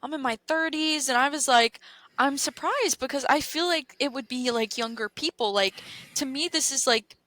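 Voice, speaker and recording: Young woman podcast co-host, casual chat, bright and slightly high voice, dry close mic, giggly and animated. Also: normal speed, poor audio. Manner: animated, giggly, trails off mid-sentence.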